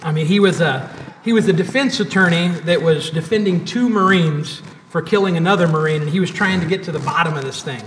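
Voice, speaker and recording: A man preaching a sermon as pastor, with emphatic repetition and pauses, in a church sanctuary. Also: fairly high pitch, a bit bright, a little hiss or hum. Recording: echoey church hall, mic at a distance.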